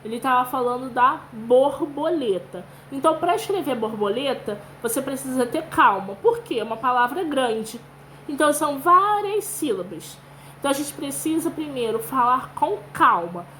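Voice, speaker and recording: Patient high-voiced woman teacher. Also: expressive, sharp tone, slight background noise, poor audio. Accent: Brazilian Portuguese. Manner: slow, patient, sounds out syllables. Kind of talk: children's lesson with read-aloud.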